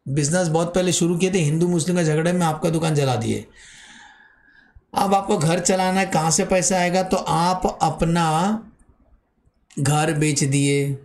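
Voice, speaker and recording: Lively Hindi-speaking tax teacher, man. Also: fairly high pitch, a little slow. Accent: Indian. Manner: addresses students as "beta", asks and answers his own questions. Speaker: tax lecturer. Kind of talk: classroom lecture.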